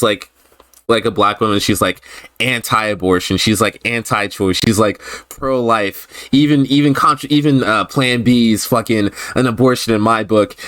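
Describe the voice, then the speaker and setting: A man's voice: mid-range voice, fairly bright tone. A man from Florida hosting a casual online chat, rambling with lots of fillers and breaking into giggles. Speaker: host.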